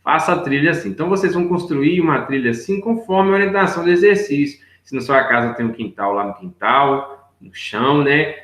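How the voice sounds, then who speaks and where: Male teacher walking little kids through their worksheet, calm and patient, keeps asking "right?", sounds kinda echoey. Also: a little high, fairly quick, few pauses. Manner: patient, step-by-step, checks in with 'right?' and 'look here'. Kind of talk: explaining worksheet answers to young children. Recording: echoey room.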